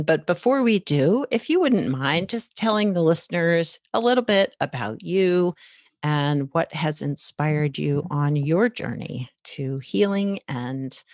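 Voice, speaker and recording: Slow, low-voiced woman podcast host. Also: dry recording, clean studio sound. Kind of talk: podcast interview.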